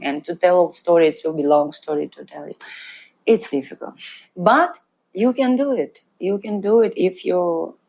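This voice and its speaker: A woman from Ukraine with a Ukrainian accent, speaking animated, broken English as a guest in a studio interview. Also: deep voice, gravelly. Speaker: guest musician and DJ. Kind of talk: casual interview.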